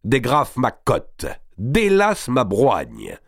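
A man voicing a giant, burly medieval count who is boisterous and booming in a storybook reading. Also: huge pitch swings, very slow, vocal fry, no room sound, clean studio sound, exaggerated voice. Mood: commanding. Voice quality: booming, shouting. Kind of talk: audiobook character voice.

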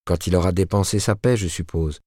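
A man's voice: sits low, fairly quick, dark tone, dry recording, clean studio sound. A man voicing a worn-out working-class wife who speaks wearily and plaintively. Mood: weary, plaintive. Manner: weary, plaintive.

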